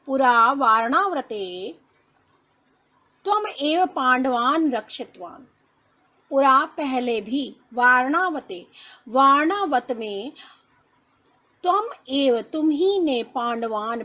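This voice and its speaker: A woman's voice: high-pitched, lively intonation, bright, forceful tone. A woman teacher reading Sanskrit lines one by one and explaining each in Hindi to her students. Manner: reads a Sanskrit line, then explains it slowly in Hindi, addressing students as children. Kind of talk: line-by-line Sanskrit translation lesson.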